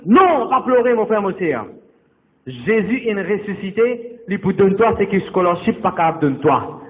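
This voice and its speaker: This pastor's voice is high-pitched and sing-song, moving at a moderate pace as he preaches in church with English words mixed in. He repeats his phrases and urges the congregation directly, and the audio sounds tinny and echoey, like a church hall.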